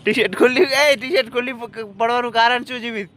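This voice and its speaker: Chatty high-voiced vlogger man. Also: steady tone, quick pace, a bit bright, slight background noise. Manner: chatty, teasing, addresses viewers directly. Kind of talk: casual walking vlog. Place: outdoors by a riverfront. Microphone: phone held by a friend.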